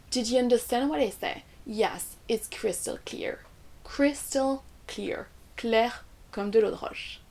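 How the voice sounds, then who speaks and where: Woman, French native, higher voice, teaching English phrases with slow, deliberate repetition. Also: darkish tone. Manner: explains each phrase, repeating English examples slowly. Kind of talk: French-language English lesson.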